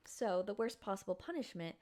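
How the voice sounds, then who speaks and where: Woman, casual book review vlog, chatty, slangy, animated retelling. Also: medium pitch, normal speed. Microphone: camera mic.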